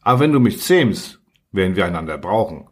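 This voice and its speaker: A man voicing a patient, wistful male fox in an audiobook reading, earnest and coaxing, slightly husky. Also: sits low, sing-song, fairly quick. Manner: earnest, coaxing, explaining tenderly.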